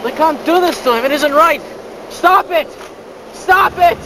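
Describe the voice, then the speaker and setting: Man playing a desperate, high-voiced camp inmate. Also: sing-song, moderate pace. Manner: urgent, pleading. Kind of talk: dramatic acting. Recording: noisy recording with vehicle-like rumble.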